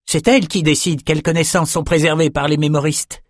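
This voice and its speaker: A man's voice: fairly high pitch, steady tone, a little fast, no room sound, clean studio sound, voice pushed up, lightly acted. A male reader voicing a sturdy, blunt middle-aged village matron who speaks emphatically. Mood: insistent.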